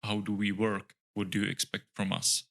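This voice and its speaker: A middle-aged architect, appearing as a guest in a casual interview, speaks English in a low, level, monotone voice with a bright, forward edge. He's thoughtful but halting, pausing often to hunt for words, with many "uh"s and restarts.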